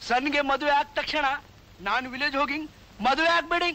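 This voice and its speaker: A squeaky, giddy old father, tossing off sing-song English rhymes. His voice sits absurdly high and rings bright and sharp. It belongs to a 1980s screen comedy. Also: fairly even intonation, fairly quick, full character voice, low-quality recording. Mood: teasing. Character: comic elderly father, giddy, mixes English. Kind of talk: 1980s film comedy acting.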